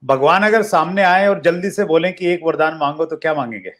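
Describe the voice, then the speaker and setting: A man's voice: fairly high pitch, a little fast, fairly bright tone. A man interviewing a guest, polite and deferential, calling him sir.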